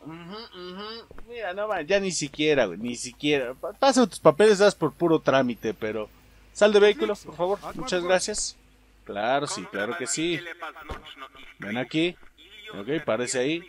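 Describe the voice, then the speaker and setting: A young gaming streamer with a Mexican Spanish accent jokes and uses slang while commenting on gameplay to his viewers. His voice is a little high and very animated, at a normal speed.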